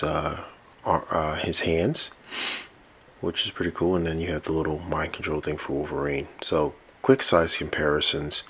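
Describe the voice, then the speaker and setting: A man giving a casual toy review, rambling with fillers and relaxed asides. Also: a bass voice, slightly rough.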